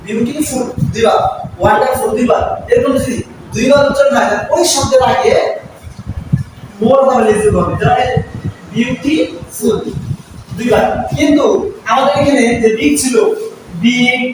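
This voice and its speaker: A man's voice: extremely high pitch, moderate pace. A male English teacher explaining grammar step by step to a class and asking them questions. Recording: echoey classroom, distant mic, noisy.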